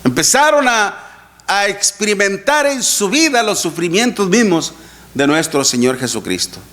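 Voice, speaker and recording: A man with a fairly high voice preaches a sermon in church. He talks earnestly to the congregation, repeating his scripture references and calling them brothers. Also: expressive, normal speed, fairly bright tone.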